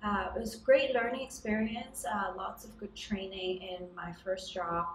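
A young Hong Kong startup founder answers interview questions casually and thoughtfully, with frequent ums, restarts and the occasional laugh. Her mid-range voice keeps a steady tone at a moderate pace. She sits in an office by a big window overlooking city towers, recorded with roomy echo on a somewhat distant mic.

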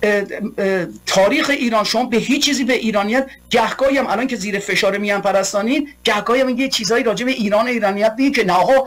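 A man with a high-pitched voice delivers a heated political monologue. He argues rhetorically, piling up long repeated lists. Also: hardly any pauses, a bit bright. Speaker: political commentator.

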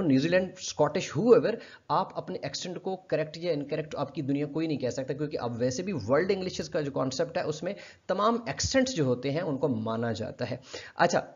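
A man's voice: a little high, a little mellow, husky. A man giving a formal, polite linguistics lesson, mixing English terms into his Urdu. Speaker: linguistics teacher. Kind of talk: explanatory video lesson. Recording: slightly dull, muffled sound.

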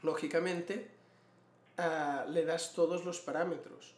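A man, walking through a screen-share tutorial and clearing his throat often. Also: a little high, fairly even intonation, takes it slowly. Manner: explanatory, frequent throat clearing. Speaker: trading educator. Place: small room indoors. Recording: roomy echo.

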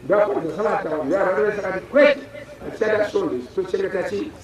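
Brisk far-off outdoor preacher, man. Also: high-pitched. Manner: call-and-response preaching. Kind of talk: open-air sermon. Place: outdoor church field. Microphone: far camera. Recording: echoey open-air sound from far off.

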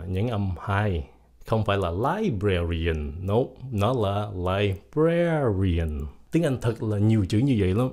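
A man teaching English pronunciation, explaining word stress and slowly modelling each example word. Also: lowish voice, mellow. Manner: slow, careful modelling of example words.

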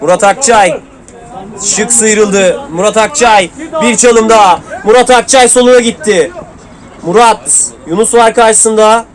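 A man's voice: sits high, a little slow, some chatter behind. A man giving live play-by-play commentary on an amateur football match, calling out player names in short clipped bursts. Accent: Turkish.

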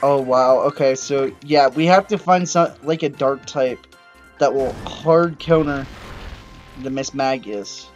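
A young man casually commenting while playing a video game, rambling with frequent excited outbursts. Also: mid-range voice, takes it slowly, dull audio, soft background music. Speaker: gaming channel host. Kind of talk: let's-play commentary.

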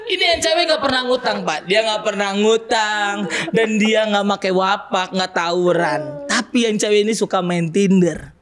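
A young man performs a stand-up comedy bit as a guest in a podcast studio. He tells his stories with lively energy and shouts his punchlines. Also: sits high, moderate pace, crowd noise. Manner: animated storytelling with shouted punchlines.

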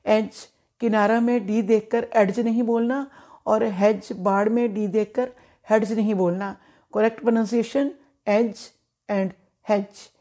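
A middle-aged woman teaches English pronunciation, taking her time over every word. Her voice is warm and mellow, and she speaks slowly and deliberately, repeating each example so it sinks in. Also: medium pitch, steady tone. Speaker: English teacher, former principal. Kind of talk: pronunciation lesson in Hindi.

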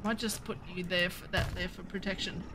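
A woman from Canada in her thirties, streaming a game and chatting casually with viewers, excitable and jumping between topics. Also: lowish voice, a little fast, background noise. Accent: Western Canadian. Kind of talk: casual livestream chat with viewers.

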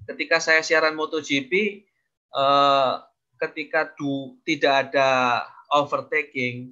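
A man giving casual public speaking advice in a webinar, explaining with frequent fillers and pauses. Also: medium pitch, bright, forceful tone. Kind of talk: webinar coaching talk. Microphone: video call. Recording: dull lo-fi video call audio.

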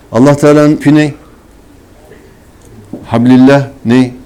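A man preaching in a warm, mellow voice, asking the room rhetorical questions and answering them himself. He often slips into a scolding, mocking tone when he talks about hypocrites. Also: medium pitch. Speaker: religious teacher. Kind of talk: sermon-style religious talk.

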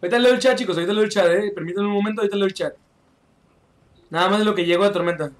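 A young man streaming a game live, chatty and joking as he reads out viewer chat and shouts calls mid-match. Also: high voice, very fast. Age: young adult.

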